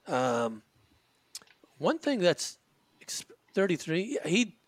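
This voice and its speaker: A man's voice: sits high, very animated, slow pace, background noise. A man narrating as game master in a tabletop game, talking loosely with fillers and restarts. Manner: rambling, with many fillers and restarts.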